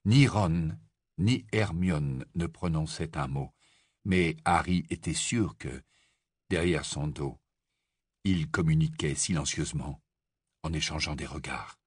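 A man narrating an audiobook with a measured, dramatic storytelling delivery. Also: extremely low pitch, slightly rough, dry recording, clean studio sound. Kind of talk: scripted narration.

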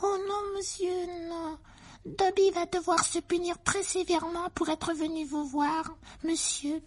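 Dobby, a squeaky servile house-elf. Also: little pitch movement, measured pace. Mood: fearful. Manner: squeaky, servile, constantly says sir, speaks of himself in the third person. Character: tiny servile male house-elf, anxious and tearful. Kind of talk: audiobook character voice.

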